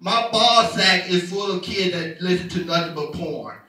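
A young man performing a stand-up comedy set, animated and jumping into characters' voices. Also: normal speed, heavy reverb, far from the mic, rough recording. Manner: animated, acts out characters with pitch jumps. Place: comedy club stage. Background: audience laughter.

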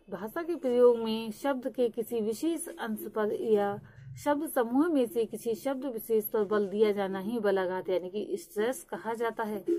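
A woman teaching a lesson at a slow, deliberate pace, with frequent hesitant fillers. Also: on the high side, mellow. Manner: reads English definitions very slowly. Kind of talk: lecture.

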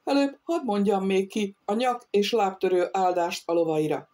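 A woman reading an audiobook, voicing a cocky male thief who calmly taunts soldiers from a treetop. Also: mid-range voice, far from the mic, natural voice. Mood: mocking. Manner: taunting, calm, sly.

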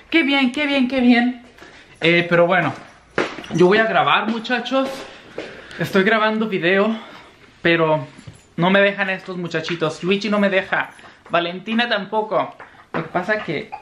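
A young man, chatting casually in a home vlog and swinging between shouts and soft whispers. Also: high-pitched. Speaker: vlogger. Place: home, indoors. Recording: echoey room, faint noise.

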